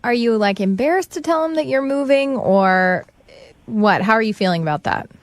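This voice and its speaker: A woman co-hosting a morning radio show, asking callers quick probing questions. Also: a little high, expressive, no room sound.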